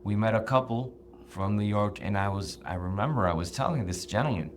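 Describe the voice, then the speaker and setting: A man co-hosting a casual podcast chat, talking in an earnest, measured, emphatic way. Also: on the low side, a little hiss or hum. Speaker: podcast co-host.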